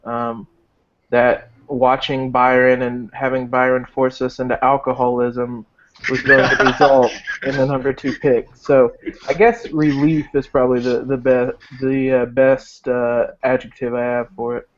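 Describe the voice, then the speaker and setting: A man's voice: mid-range voice, level tone, measured pace. A man who is a guest on a sports podcast, telling stories with many fillers and chuckles. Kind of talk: casual chat. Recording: muffled lo-fi call audio.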